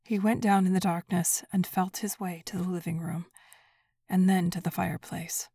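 Slow whispery woman reading a story, breathy and raspy, super dry close sound. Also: on the low side, dry recording. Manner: slow, hushed, even. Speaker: narrator.

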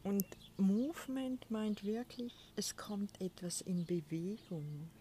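On an outdoor balcony, a woman hosts her spiritual podcast in a soft, often breathy mid-range voice that stays animated. She speaks very unhurriedly, letting pauses linger, while birdsong, a crow, and a faint outdoor hiss drift in behind her.

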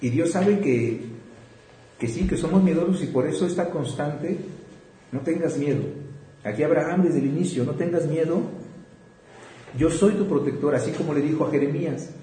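A man teaching a Bible class, reading scripture passages slowly and asking his students questions. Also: a little high, mellow, roomy sound, slight background noise, poor audio.

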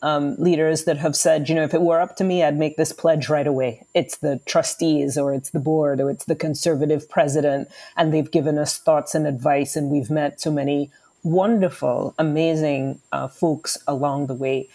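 A woman from Trinidad and Tobago speaks as a podcast guest. Her voice is on the low side, and she talks earnestly, with frequent ums and uhs as she finds her words. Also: steady tone, moderate pace, dark tone. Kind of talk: podcast interview answer.

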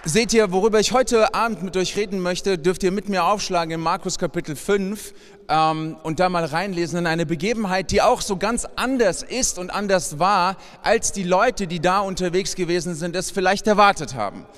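A man's voice: high voice, moderate pace, fairly bright tone. Male preacher, casual direct address, reverberant venue sound. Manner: direct address to audience, conversational. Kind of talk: sermon with Bible reading. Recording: long hall reverb.

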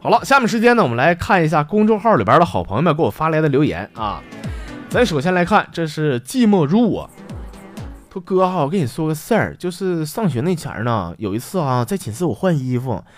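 A man's voice: fairly high pitch, fairly quick, faint music behind. A man with a Northeastern Chinese accent hosting a comedy show, telling jokes and reading out listener messages, often slipping into character voices. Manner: lively, jokey, switches into character voices.

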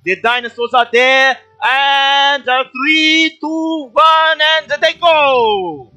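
A man voicing an excited male race announcer whose voice is magically amplified, calling the race loudly as a game master. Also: slow, faint music behind, heavily acted. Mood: excited commentary. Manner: high, shouted, excited play-by-play calls. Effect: loud, amplified announcer voice.

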